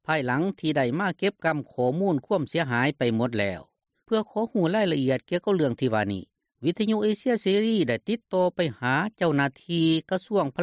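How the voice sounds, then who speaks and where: A man's voice: a little high, dry recording, studio quality. A man with a Lao accent reading scripted radio news as a reporter.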